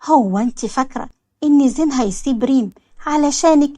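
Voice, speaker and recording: A man's voice: extremely high pitch, fairly quick, mellow, dry recording. A woman with an Egyptian accent voicing a teasing young man who mocks. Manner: teasing, mocking.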